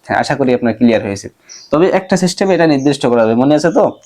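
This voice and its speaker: A man's voice: mid-range voice, animated, darkish tone. A man teaching Arabic grammar in an online lecture. He asks his listeners questions and answers them himself, walking through everyday examples. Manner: slows down and gives everyday examples.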